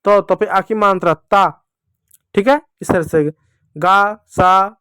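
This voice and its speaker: A man teaching young children to read letters and vowel signs, slowly and patiently, repeating each sound for them to follow. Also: sits high, sharp tone, smooth, no room sound, studio quality. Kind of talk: children's Hindi alphabet lesson.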